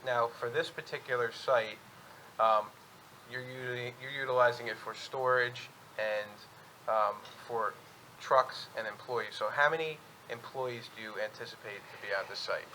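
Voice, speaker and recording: A man speaking as an attorney at a public hearing, presenting and questioning in a halting, methodical way. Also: mid-range voice, fairly even intonation, pushed and bright, a little hiss or hum, rough recording. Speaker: attorney for an applicant. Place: public board meeting room.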